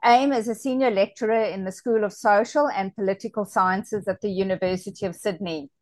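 Brief: female interview host, measured and clear, dry close recording. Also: medium pitch, a little mellow, no room sound. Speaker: podcast host. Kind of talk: scripted introduction and interview questions.

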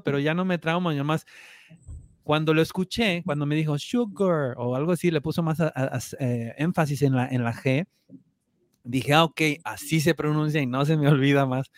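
A man with a Mexican accent, a guest in a casual interview, telling stories in a lively way and often repeating words as he thinks. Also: fairly high pitch, dry recording, studio quality. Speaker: guest, opera tenor.

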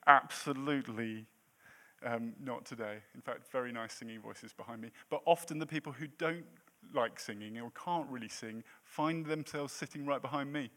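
A pastor in his late thirties preaches a sermon in a church, cracking self-deprecating jokes between his points. His medium-pitched voice is pushed and bright, and he keeps a moderate pace.

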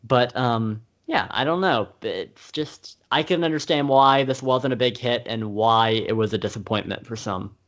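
A man's voice: mid-range voice, moderate pace, few pauses, a bit bright, highs cut off. A man co-hosting a film podcast, talking casually and rambling with many fillers and restarts. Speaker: podcast co-host. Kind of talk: casual film-review chat.

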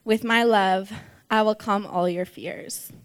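A woman reciting a devotional spoken-word piece in a soft, measured voice that sinks to near whispers. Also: medium pitch, steady tone, clean tone.

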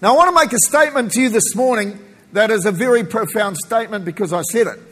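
In an echoey hall with long reverb, a New Zealand man whose accent is softened by Australian preaches a sermon. His husky, high voice moves fast, emphatic and folksy, with joking asides.

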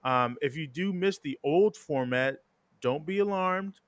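A man's voice: on the high side, measured pace, dry recording. A man hosting an interview podcast, talking informally and conversationally, rambling a little and correcting himself as he goes. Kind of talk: casual, conversational show introduction.

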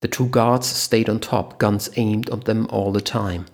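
A man reading a thriller aloud in steady audiobook narration. His voice is low and gravelly, with a husky grain. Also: unhurried.

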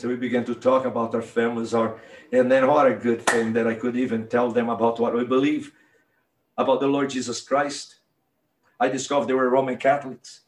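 A male pastor with a Brazilian Portuguese accent preaches in a high, ringing voice. He talks straight to the congregation and drives his points home, sometimes building to impassioned shouts. The sound is roomy, like a church hall. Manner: emphatic, building to impassioned shouts, direct address to listeners. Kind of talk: sermon.

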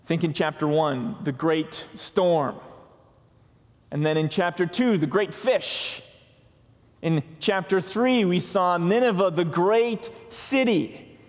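A man preaching a sermon as pastor, slow and deliberate, pausing for emphasis on key words. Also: high voice. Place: church sanctuary. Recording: long reverb of a church hall.

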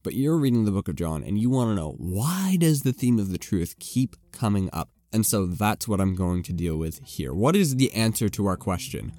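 Lively, low-voiced male podcast host. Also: normal speed, few pauses, no room sound. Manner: conversational, with frequent fillers and asides. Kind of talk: casual Bible-teaching podcast talk.

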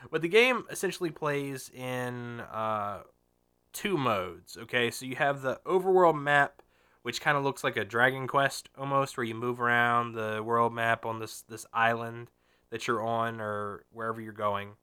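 A podcast host with a medium-pitched, slightly slow voice that sounds sharp and clean runs a casual gaming show. He rambles and swears, leaning on fillers and restarting sentences, and a cold leaves him a bit nasal and sniffly.

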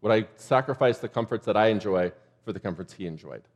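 A man's voice: on the low side, lively intonation, fast talker. Joking, conversational male preacher. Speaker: pastor. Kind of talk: sermon. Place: church.

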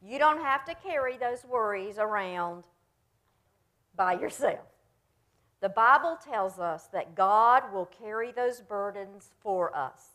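A woman leading a children's sermon, talking gently and plainly to the kids in front of her and coaxing them along. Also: medium pitch, animated, slow pace. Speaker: pastor leading a children's message.

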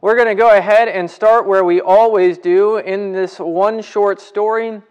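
A man's voice: sits high, fairly even intonation, unhurried, a little mellow, smooth, muffled recording. A man leading a casual livestream Bible study, chatting with viewers, greeting them by name and asking them questions.

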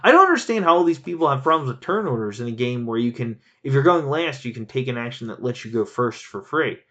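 A man chatting casually as a board game reviewer, animated and laughing, rambling with frequent restarts. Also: medium pitch, fast talker, muffled recording. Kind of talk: casual chat.

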